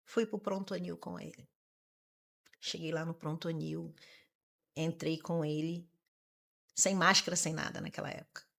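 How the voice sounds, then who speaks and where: A woman, a massage therapist and mother, telling her painful story as a podcast guest, earnest and halting, often repeating her words. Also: low voice, steady tone, creaky, fairly bright tone. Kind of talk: emotional personal testimony.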